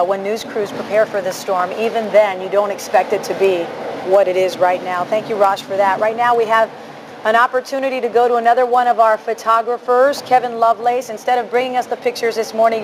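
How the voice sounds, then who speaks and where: A woman's voice: medium pitch, little pitch movement, brisk, noisy background. A woman anchoring live news, handing over to and questioning people in the field. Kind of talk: live news interviewing and handover.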